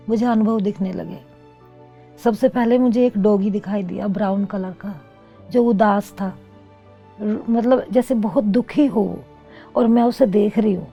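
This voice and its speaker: A middle-aged woman with a gravelly, dark-toned voice speaks earnestly and reflectively about her personal experiences. The recording is slightly dull, and soft music plays faintly beneath her. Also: fairly high pitch. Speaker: interview guest. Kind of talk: personal testimony.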